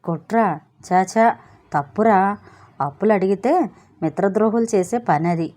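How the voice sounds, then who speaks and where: Brief: playful, theatrical young schemer, read by a woman in a storybook, mellow tone. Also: medium pitch, a little slow, close to an everyday voice. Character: cheeky smooth-talking young man, schemer.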